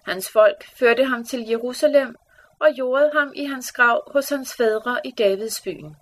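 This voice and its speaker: A woman reading scripture aloud in a steady, measured way. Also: on the high side, low-quality recording. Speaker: scripture reader.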